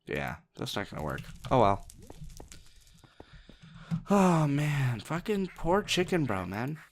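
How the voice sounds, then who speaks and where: A man hosting a video game let's play, commenting in a profane, excitable and jokey way. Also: mid-range voice, takes it slowly, slight background noise.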